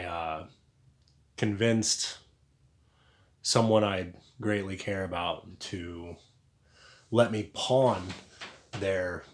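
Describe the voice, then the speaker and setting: A low-pitched man tells a personal story in a casual, halting way. He sounds earnest and confessional, with many fillers and restarts.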